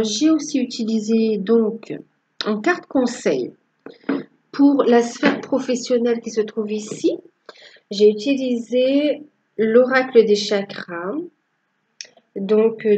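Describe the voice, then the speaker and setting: A woman giving a tarot reading to her viewers, with a halting delivery that repeats phrases. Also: fairly high pitch, mellow. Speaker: tarot reader.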